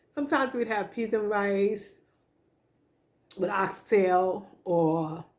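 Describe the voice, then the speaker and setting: A woman of about sixty hosts a relaxed video, eating as she talks. Her pace is slow and unhurried, and her middle-pitched voice rambles warmly through homey stories with plenty of ums. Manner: slow, homey storytelling with fillers. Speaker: vlog host. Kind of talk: casual chat while eating.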